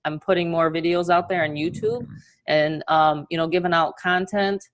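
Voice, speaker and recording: A woman with a New York accent coaching an online webinar in a casual, chatty, encouraging and energetic way. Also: on the low side, normal speed. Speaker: online marketing coach and host. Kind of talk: casual webinar training and motivational talk.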